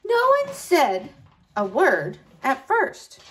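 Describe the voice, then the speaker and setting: A woman reads a children's story in a high voice with big swoops of pitch. She takes her time and addresses her young listeners directly in an animated way. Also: extremely slow, poor audio. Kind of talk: expressive picture-book read-aloud.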